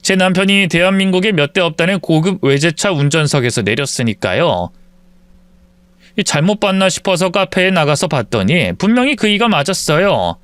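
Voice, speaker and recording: High-pitched man telling a story. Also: big pitch swings, moderate pace, fairly bright tone, clean tone, no echo. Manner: reads the wife's part in first person, voicing both sides of arguments. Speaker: story narrator. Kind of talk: scripted storytelling of a real-life story.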